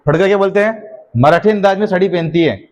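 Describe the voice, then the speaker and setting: A middle-aged man, teaching an exam-prep class and slowly dictating notes, repeating each phrase and checking in with his students. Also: high-pitched. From Rajasthan.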